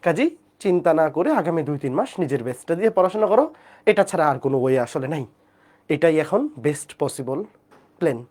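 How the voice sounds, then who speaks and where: Bangladeshi math teacher teaching live online, talking quietly cause of a fever, keeps asking students if it's all clear. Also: mid-range voice, animated, fast. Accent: Bangladeshi Bengali. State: feverish, speaking softly. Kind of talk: live online class lecture.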